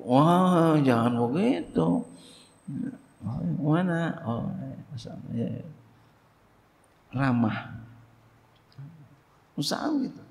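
A middle-aged man teaches a religious book lesson. His delivery is lively and theatrical, jumping sharply up in pitch to make a point. His voice sits at an ordinary middle pitch and trails off into a long hall reverb. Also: takes it slowly, creaky, long pauses. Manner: animated, acts out quoted dialogue, big pitch leaps. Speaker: Islamic teacher.

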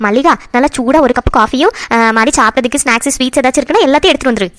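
A woman voices a fretful cartoon mother, high-pitched and quick. She frets and pleads over her son's marriage, always pressing. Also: no echo, clean studio sound, natural voice. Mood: hospitable. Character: middle-aged mother, anxious and emotional.

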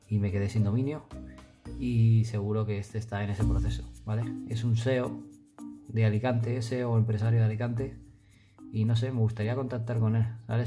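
A man with a Spain Spanish accent talks through his screen and his day in a casual, chatty vlog voice, sitting a little low in pitch. He peppers his talk with tag questions and the odd swear word, and music plays clearly underneath. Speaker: vlogger, SEO entrepreneur. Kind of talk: casual explanatory vlog narration.

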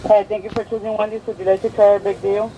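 A male drive-thru worker heard through the drive-thru speaker, taking an order in a quick, routine way. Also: high voice, level tone, mellow. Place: fast-food drive-thru, heard from a car. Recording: muffled drive-thru speaker in a car, faint noise.

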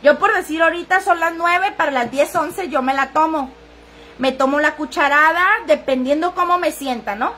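A woman's voice: high voice, normal speed, sharp tone, a little hiss or hum. A middle-aged woman, chatting crudely and casually while selling on a livestream and answering viewers' comments. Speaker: livestream seller.

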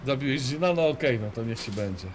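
Foul-mouthed streamer, lively swooping voice. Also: male voice, mid-range voice, fast talker. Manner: crude, swears constantly, banters and mocks. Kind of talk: live gaming commentary.

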